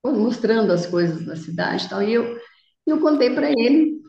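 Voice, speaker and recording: Gravelly-voiced Brazilian woman telling a story. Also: a little high, animated, normal speed, dark tone, echoey room, highs cut off. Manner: vivid storyteller, acts out dialogue. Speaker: guest speaker. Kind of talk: personal storytelling talk.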